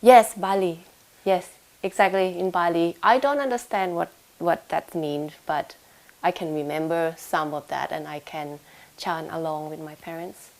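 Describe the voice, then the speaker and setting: A young woman from Thailand answers oral history questions casually in a London home room, her Thai accent clear. Her lowish, slightly mellow voice is unhurried, and she hesitates with frequent fillers and restarts.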